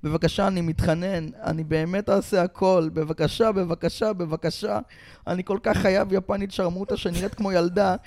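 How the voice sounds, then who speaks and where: A man doing an improvised comic bit as a sleazy, desperate male TV director, talking loud and vulgar and pleading. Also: high voice, fairly even intonation. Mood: groveling.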